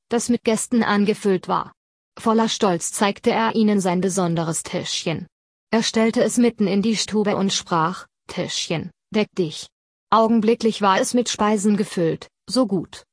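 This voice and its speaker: Woman calmly reading a fairy tale. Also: mid-range voice, no echo. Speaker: narrator. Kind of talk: scripted fairy-tale narration.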